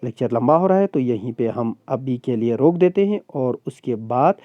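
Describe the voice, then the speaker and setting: A man who speaks Purgi as his first language gives a recorded Urdu lesson. He explains words slowly, stretches out sounds, and often checks in with his students. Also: medium pitch, lively intonation, no room sound, dull audio. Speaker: Urdu teacher. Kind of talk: recorded class lecture.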